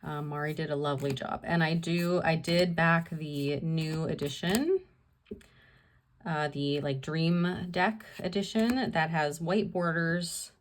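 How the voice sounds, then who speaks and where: Low-voiced, chatty woman vlogger. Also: takes it slowly, slight background noise. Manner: rambling, with many "like" and "um" fillers and restarts. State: tired and yawning. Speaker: vlog host. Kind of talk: casual chat about her tarot deck collection.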